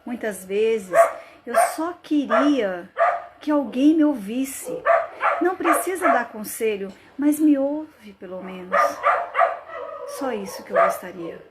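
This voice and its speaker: A woman voicing an anxious adult woman tormented by panic attacks, speaking in halting, pleading questions over noisy stream audio. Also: on the high side, expressive.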